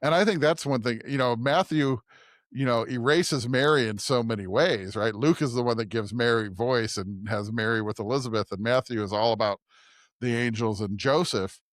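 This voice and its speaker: With a mid-range voice, this male preacher and podcast co-host discusses scripture in a halting, conversational way, groping for words and frequently adding "right?". The recording is dry and clean, studio-grade.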